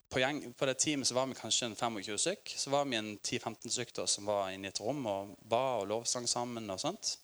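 A Norwegian man in his forties preaching a sermon in a church, telling stories with lively energy and laughter. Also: medium pitch. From Norway. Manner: lively storytelling with laughter, acted quotes.

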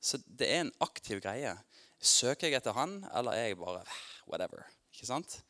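Guy giving a laid-back sermon in a church, mid-pitched voice, lots of ums and restarts, laughs a lot, gets loud and worked up in his story. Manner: informal and chatty, with filler words and restarts, laughing often; grows loud and excited while telling his story. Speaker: preacher. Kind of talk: conversational sermon with personal testimony.

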